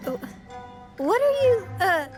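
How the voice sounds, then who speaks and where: A woman voicing an expressive young woman, hesitant yet theatrical, in a video game. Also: very high-pitched, slow pace, heavily acted. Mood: flustered. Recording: loud music behind the voice.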